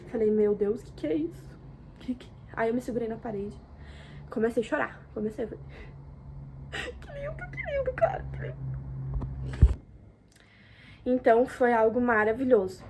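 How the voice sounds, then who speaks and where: A young woman from Brazil chatting casually to camera in a vlog, expressive and talkative, jumping between loud exclamations and soft asides. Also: a little high, a little hiss or hum. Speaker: vlogger.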